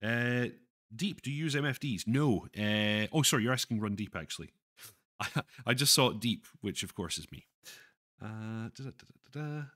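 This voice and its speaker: A man hosting a live stream, chatting casually with viewers, self-deprecating and halting, with many restarts. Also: mid-range voice, a bit bright. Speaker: livestream host reading chat.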